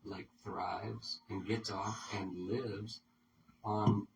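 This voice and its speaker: A male radio DJ chatting casually with guests in a studio, his thoughts rambling and restarting. His voice sits a little low. He is heard off-mic with clear background noise. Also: little pitch movement, very slow, recorded from a distance. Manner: rambling, many restarts, laughs easily. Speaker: radio DJ and host. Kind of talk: casual radio interview chat.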